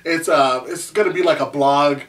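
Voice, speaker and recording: A man's voice: a little high, moderate pace, a bit bright, far from the mic. Laid-back young man, off mic. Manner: laid-back, lots of "man" and "you know". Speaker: singer and beatboxer in a band, guest. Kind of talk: casual interview chat.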